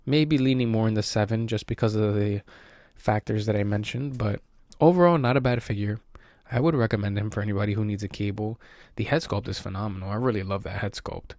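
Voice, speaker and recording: A man's voice: lowish voice, a little fast, darkish tone, no room sound, clean studio sound. A man casually reviewing an action figure, sounding congested and breathing heavily from allergies, in a laid-back way with many fillers.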